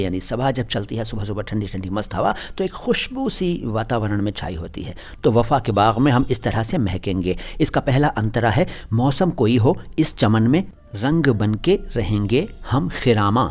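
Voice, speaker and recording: A man's voice: on the low side, a little mellow. A man teaches word meanings. He explains patiently, repeating words to correct their pronunciation, in the manner of a friendly lesson. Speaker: language teacher explaining song lyrics.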